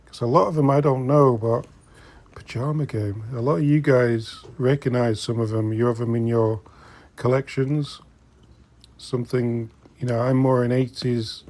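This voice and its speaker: Inside a secondhand shop, a middle-aged man browses and offers casual, chatty commentary to his viewers, sometimes muttering under his breath. He hosts a vintage collecting vlog and has a mid-range voice with a darkish tone.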